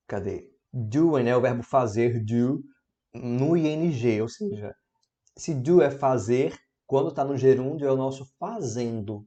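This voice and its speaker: A Brazilian man giving a casual spoken English lesson, encouraging and informal, who drills sounds by repeating them slowly. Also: mid-range voice, warm tone. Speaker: English teacher.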